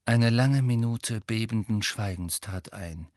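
A man narrating an audiobook in an expressive reading. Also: on the low side, takes it slowly, no room sound, clean studio sound. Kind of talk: scripted narration.

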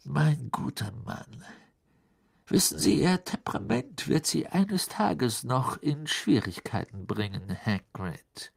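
A spiteful, sneering aristocratic wizard, as a male audiobook reader plays him, speaking in a raised, lofty voice. He drawls slowly and condescendingly, with a lively, swooping pitch and a creaky edge. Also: exaggerated voice. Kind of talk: audiobook reading.

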